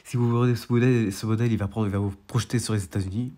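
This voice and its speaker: A warm, lowish voice with fairly even intonation comes at a rapid-fire clip from a young weather vlogger whose nose is stuffed from a cold. He rambles through a radar screen share, complaining about his illness, repetitive and full of restarts.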